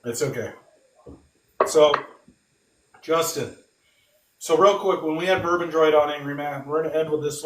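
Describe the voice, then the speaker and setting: A man's voice: on the high side, a little hiss or hum. A man hosting a casual livestream giveaway, talking emphatically, repeating himself and addressing his audience as guys. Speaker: podcast host. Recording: echoey room, distant microphone.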